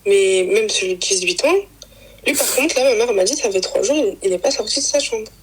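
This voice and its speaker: A woman's voice: mid-range voice, animated, brisk, slightly rough, rough recording. A young woman casually telling a personal story, rambling with fillers and acting out quoted lines. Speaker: guest telling her story.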